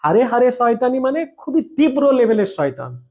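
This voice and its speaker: A man's voice: very high voice, very animated, a little fast, a little mellow. A man teaching a recorded grammar class in a chatty way, repeating examples and checking in with his students often. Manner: jokes with students mid-lesson. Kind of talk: recorded online lecture.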